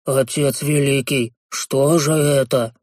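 A man voicing a shaken male dwarf clan leader, speaking slowly and urgently. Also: on the high side, steady tone, a little mellow, dry recording, clean studio sound, natural voice. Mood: shocked.

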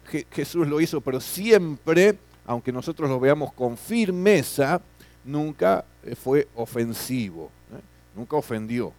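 A man's voice: mid-range voice, a little mellow, no room sound. A middle-aged man teaching a classroom lecture, often tagging his sentences with questions and repeating words.

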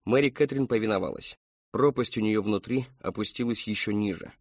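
A man's voice: fairly low pitch, brisk, no echo. Man narrating an audiobook, dull dry sound. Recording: dull dry studio read.

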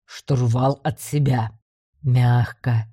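Brief: woman doing a gruff commander, low and curt, barking orders, storybook reading. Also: fairly even intonation, drawn-out words, warm tone, no echo, studio quality, exaggerated voice. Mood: tense instructing.

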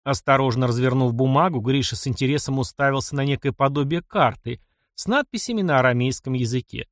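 A man narrating an adventure audiobook with an expressive storytelling manner. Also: mid-range voice, a little fast, no echo, clean studio sound. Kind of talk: scripted narration.

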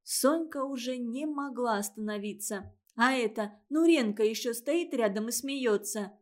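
A woman's voice: fairly high pitch, normal speed, a little mellow. A woman reading a children's story aloud expressively, doing all the voices. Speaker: narrator.

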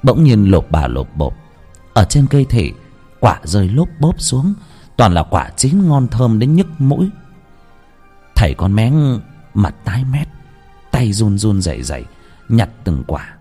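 Man, ghost story narrator, wildly swooping pitch, soft music behind. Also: unhurried, pauses often, husky. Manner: very expressive, swinging between hushed and heightened.

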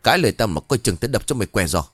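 A man's voice: fairly low pitch, sing-song, rapid-fire, a bit bright, dry recording, soft background music. A man voicing a cruel, foul-mouthed pregnant stepmother who scolds shrilly and snarls threats. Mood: furious.

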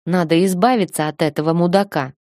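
A woman's voice: lowish voice, brisk, a little mellow, dry recording, studio quality, close to an everyday voice. A woman voicing a bossy male house cat who speaks mind to mind in curt, blunt remarks, in a storybook reading.

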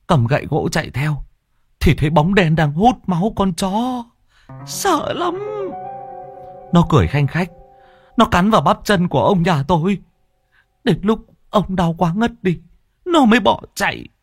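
A man's voice: animated, moderate pace, faint music behind. A man voicing a frantic village wife who wails in fear and grief over her injured husband in a ghost story. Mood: wailing. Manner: high-pitched, tearful wailing.

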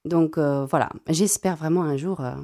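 A low-pitched, warm voice belongs to this young South African classical singer, a native Afrikaans speaker, who answers radio interview questions haltingly and with many repeated words.

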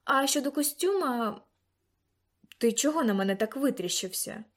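A spirited teenage girl, as a woman reads her in an audiobook. She fires off brisk, doubtful questions. Her voice sits a bit high. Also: expressive. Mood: insistent. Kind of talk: audiobook character reading.

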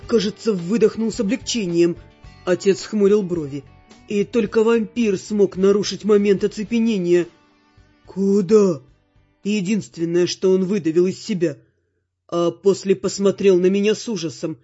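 A man reading a first-person fantasy audiobook in even, storytelling narration, on a dull lo-fi recording. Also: high voice, husky.

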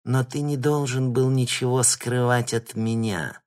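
A man's voice: medium pitch, fairly even intonation, darkish tone, pitched above the performer's own voice, natural voice. A man voicing a cold, imperious female crime leader in an audiobook. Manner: cold and measured.

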